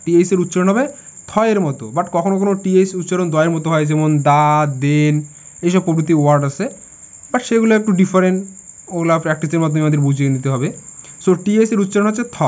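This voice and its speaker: A man's voice: high voice, quick pace, a little mellow, highs cut off. A man with a Bengali accent teaching English pronunciation, spelling out words letter by letter and checking in with "okay?". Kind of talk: explaining lesson to students.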